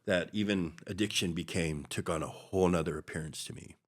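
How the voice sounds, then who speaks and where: A middle-aged man from Hawaii, appearing as a podcast guest, tells a personal story in a low voice. He speaks haltingly and reflectively, restarting often.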